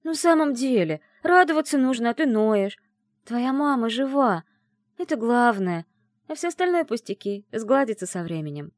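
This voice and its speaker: A woman's voice: on the high side, lively intonation, normal speed, no room sound, clean studio sound, pitched above the performer's own voice, lightly acted. A woman voicing a teasing young witch friend in an audiobook, in a playful, mocking manner. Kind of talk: audiobook character voice.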